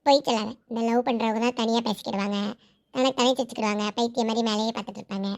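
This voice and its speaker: A performer plays a nosy younger sibling who teases quickly. The voice is high and slightly gravelly, and the lines rattle along fast. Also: female voice, fairly even intonation, darkish tone. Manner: teasing, nosy. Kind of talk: comedy sketch acting.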